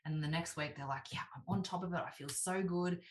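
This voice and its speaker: Brief: woman, 30s, low-pitched chatty guest, lots of "like", echoey room. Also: fairly quick, a little hiss or hum. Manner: animated, heavy use of "like", acts out quoted voices. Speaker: podcast guest. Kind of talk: casual chat. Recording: roomy echo.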